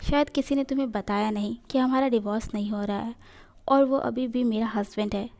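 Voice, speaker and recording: A woman's voice: a little high, fairly even intonation, a little fast, creaky, darkish tone. Woman voicing a possessive young husband. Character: young man, anxious, devoted husband.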